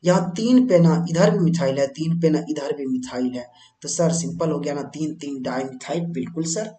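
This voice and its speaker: At a moderate pace, a man from India with a slightly high, dark-toned voice walks students through a board-exam chemistry lesson at the board. He's chatty and keeps answering the questions he puts to them. The sound is roomy.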